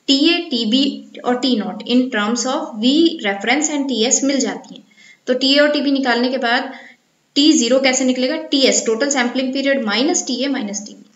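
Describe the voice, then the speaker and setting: A woman lecturer with an Indian accent, explaining an engineering topic step by step and mixing technical English terms into her talk. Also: high voice. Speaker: university lecturer. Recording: echoey, dull lo-fi room recording.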